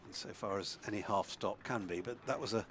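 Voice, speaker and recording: A man commentates live on cricket in a slightly low voice. He is measured and understated, favouring wordy, considered phrasing as he describes play. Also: a bit bright, a little hiss or hum.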